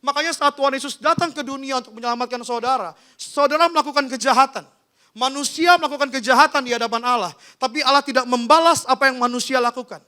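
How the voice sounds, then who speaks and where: A male pastor preaching a sermon in church, animated, acting out quotes and sound effects. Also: very high-pitched, quick pace. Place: church hall.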